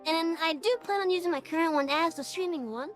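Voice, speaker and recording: A streamer speaks through a real-time voice changer that gives a high, feminine-sounding voice. The talk is loose and rambling, with plenty of ums and restarts. Faint music plays softly behind. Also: a little fast. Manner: rambling, many fillers and restarts. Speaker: game streamer. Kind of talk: casual live-stream chat.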